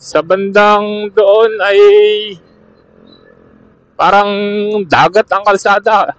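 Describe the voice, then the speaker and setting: A high, steady, slightly bright male voice draws out its words with no room sound, carrying a Filipino accent. He's a motovlogger reviewing gear who chats casually to fellow riders while riding his motorcycle on an outdoor road. The helmet intercom he uses as an external camera mic gives a dull, muffled Bluetooth recording.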